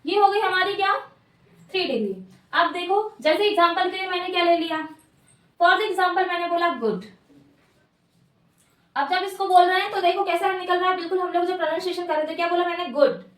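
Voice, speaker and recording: A woman teaches grammar in a high, bright-pitched voice, posing questions and answering them herself. She repeats each key word. The mic sits well back, so the sound is roomy and echoey. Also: brisk, long pauses. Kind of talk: grammar lesson at a board. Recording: echoey room, mic at a distance.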